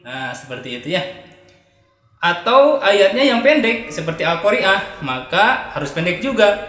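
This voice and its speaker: A man teaching Quran recitation, switching between quick, soft explanations and drawn-out, melodic chanted verses. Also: sits high, sing-song, echoey room, long reverb tail. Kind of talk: Quran recitation tutorial, sung examples.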